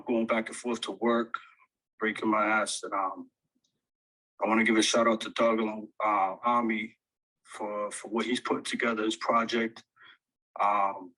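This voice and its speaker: A man's voice: lowish voice, bright, forceful tone, low-quality recording. Breathless man rambling on a phone. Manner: halting, many fillers and restarts, earnest. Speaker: audience speaker. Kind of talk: casual chat on an audio call.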